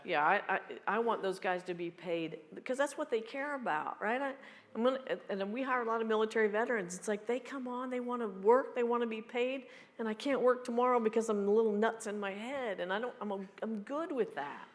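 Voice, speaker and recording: A woman in her fifties giving a keynote and answering audience questions in a blunt, joking, fast-talking way. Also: fairly high pitch. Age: 50s. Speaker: keynote speaker. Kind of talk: live Q&A at a meeting. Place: large hall. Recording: long hall reverb.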